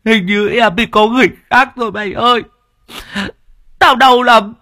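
A man voicing a tearful, heartbroken young man who blubbers in a high, strained voice. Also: moderate pace, a bit bright, no echo, clean studio sound. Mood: weepy. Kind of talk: audiobook character voice.

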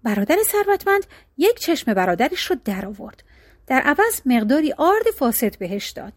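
A woman narrating a folk tale with an expressive storybook cadence. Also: sits high, dry recording, clean studio sound.

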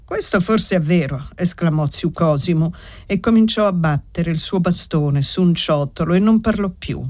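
Steady literary audiobook narrator. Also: medium pitch, moderate pace, no room sound.

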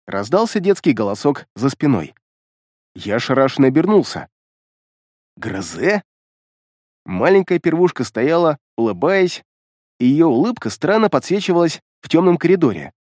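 Expressive male audiobook narrator. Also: a little high, normal speed, no room sound, studio quality. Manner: expressive, dramatic reading. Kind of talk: first-person fantasy audiobook narration.

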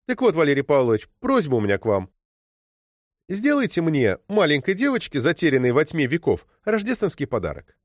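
A man voicing a stubborn, tearful ten-year-old girl who pleads in a high voice. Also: wildly swooping pitch, fairly quick, dry recording, studio quality. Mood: cheeky.

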